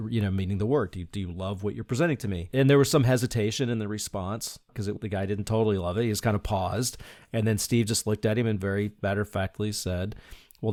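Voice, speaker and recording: A man's voice: fairly low pitch, a little mellow, no echo, studio quality. A middle-aged man speaking earnestly and reflectively in a conversational interview, now and then laughing lightly as he talks. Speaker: podcast guest, design leader.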